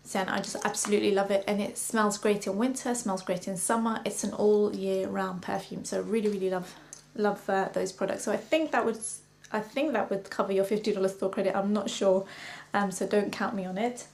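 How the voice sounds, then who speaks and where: A woman's voice: medium pitch, steady tone, fairly quick, gravelly, darkish tone. A young woman from London with a London accent, a makeup artist chatting casually through viewer questions with many ums. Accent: London English. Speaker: beauty vlogger and makeup artist. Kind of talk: casual Q&A vlog.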